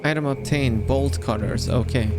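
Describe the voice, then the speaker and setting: A man's voice: mid-range voice, normal speed. A man casually commenting on a horror game as he plays, reacting aloud and reading on-screen text. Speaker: gameplay streamer. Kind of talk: casual let's-play commentary. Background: game music.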